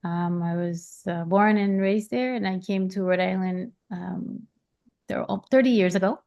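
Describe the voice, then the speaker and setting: A middle-aged woman from Puerto Rico introducing herself as a realtor on a webinar, relaxed and full of ums. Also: medium pitch, measured pace, creaky, muffled recording.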